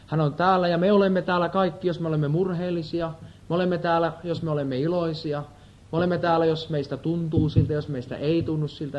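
A man preaching a sermon in a prayer house, swinging between soft, low stretches and louder emphatic ones, and acting out the voices in his stories. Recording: dull lo-fi recording.

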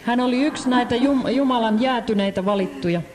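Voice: medium pitch, darkish tone. An interpreter rendering a sermon live, hesitating often with fillers. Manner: hesitant, many fillers and restarts. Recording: echoey hall.

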